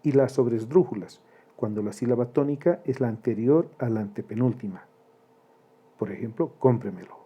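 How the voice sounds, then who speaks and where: A man teaching a grammar lesson, slow and deliberate, spelling out syllables one by one. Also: mid-range voice, breathy edge, dull audio.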